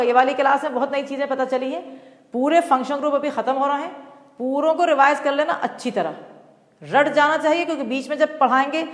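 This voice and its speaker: High-voiced woman teaching in an echoey hall. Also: fairly bright tone. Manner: mixes Hindi and English, dictates and quizzes students. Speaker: chemistry teacher. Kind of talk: classroom lecture. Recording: roomy classroom with long reverb.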